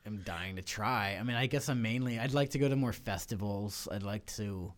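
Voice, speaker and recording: A man's voice: on the low side, moderate pace. A man being interviewed about his improv and sketch work, talking loosely with many fillers and restarts. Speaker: improv and sketch performer, guest. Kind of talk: casual interview chat. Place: studio. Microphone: studio microphone.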